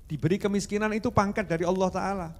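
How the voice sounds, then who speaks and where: Man, sermon, animated preaching, fairly high voice, long hall reverb. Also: fast. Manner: animated, switching into Javanese and acting out prayers.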